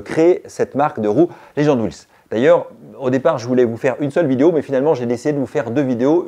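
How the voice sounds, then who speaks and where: A man's voice: mid-range voice, mellow. A man hosting a cycling channel, giving a chatty gear review and explaining step by step to his viewers.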